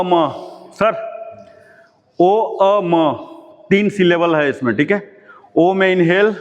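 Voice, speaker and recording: A man teaching a yoga class, giving patient step-by-step instructions on breathing and chanting. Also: sits high. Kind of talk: guiding a live yoga class.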